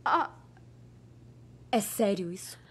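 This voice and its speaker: A woman with a Brazilian Portuguese accent dubbing a betrayed teenage girl in a TV drama, sharp, scornful and explosive. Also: medium pitch, lively intonation, slow, husky, heavily acted. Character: furious betrayed teenage girl, fierce and cutting. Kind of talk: dubbed TV drama.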